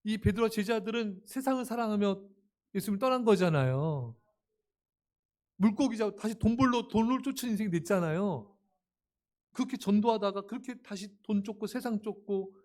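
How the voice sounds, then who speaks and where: Animated Korean pastor preaching. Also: male voice, high voice, moderate pace. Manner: animated, acts out voices in quotes, shifts from soft to loud. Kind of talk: sermon.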